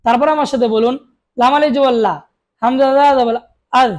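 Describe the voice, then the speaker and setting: Woman slowly spelling out Quran syllables. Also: sits high, steady tone, a little mellow. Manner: slow, drawn-out recitation of each syllable, with short explanations of rules. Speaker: Quran reading teacher. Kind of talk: spelling out Arabic syllables for students to repeat.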